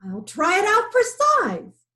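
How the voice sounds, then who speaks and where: A woman voicing a grumpy, blustering male lion in a storybook reading, loud and growly. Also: very high-pitched, wildly swooping pitch, takes it slowly, voice pushed up, heavily acted. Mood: smug.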